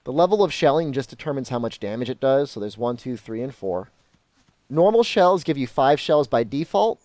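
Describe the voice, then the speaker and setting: A man's voice: mid-range voice, big pitch swings, normal speed, a little mellow, no echo. A man talking casually and informally as a live game streamer, answering questions in a laid-back way. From Mexico or of Mexican descent. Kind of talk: casual gaming stream commentary, answering chat.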